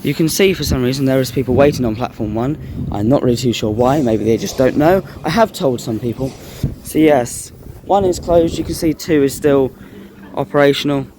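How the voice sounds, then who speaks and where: Outdoors at a railway station, a man vlogs in a casual, explanatory way at normal speed with a medium-pitched voice. Faint station noise from trains and ambience can be heard behind him.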